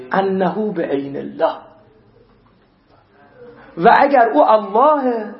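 Male cleric, high-pitched, animated sermon delivery; roomy, muffled lo-fi sound. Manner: animated preaching, interleaving recited Arabic verses. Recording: roomy, dull lo-fi recording.

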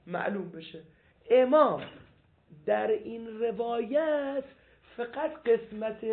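The lecture is a seminary jurisprudence class, recorded with phone-like lo-fi quality. Its male teacher has a high, gravelly voice and stays animated, reading passages aloud, repeating points and asking his students questions.

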